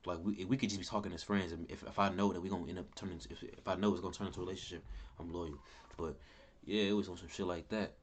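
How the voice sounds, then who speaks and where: Young man telling a story, slightly low voice. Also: steady tone, fast talker, breathy edge. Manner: rambling, repeats himself, heavy profanity; pitch and loudness jump wildly when he quotes or reacts. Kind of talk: casual story time vlog. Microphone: camera mic at close range.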